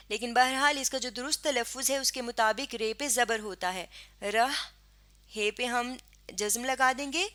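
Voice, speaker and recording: Pakistani urdu teacher lady, bright voice kinda high, slow careful spelling out. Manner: patient, spells out sounds slowly and repeats words. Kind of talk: classroom lesson explaining pronunciation.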